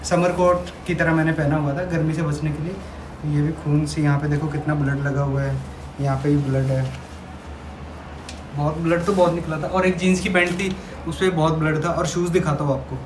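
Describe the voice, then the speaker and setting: A young vlogger chats casually to the camera, showing viewers things around his home, both indoors and beside a parked bike. His voice is on the high side, level and a little fast, over a noisy background.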